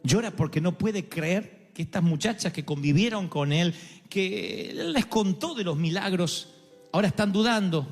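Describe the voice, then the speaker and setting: A man's voice: high-pitched, expressive, moderate pace. A man preaching a dramatic sermon, acting out quoted voices with humorous asides. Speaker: pastor. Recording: live hall with long reverb, faint music.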